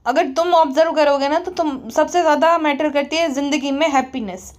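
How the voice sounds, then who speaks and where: A woman's voice: high voice, fairly even intonation, fairly quick. A woman doing a casual commentary vlog, blunt and scornful, lecturing her viewers. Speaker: YouTube commentator.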